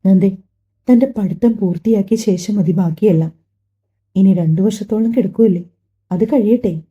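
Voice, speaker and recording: A woman voicing a young husband in a story reading, calm and coaxing, with a dull lo-fi sound. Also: mid-range voice, normal speed, breathy edge, natural voice. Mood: gentle. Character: young husband, gentle and reassuring. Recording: dull lo-fi recording.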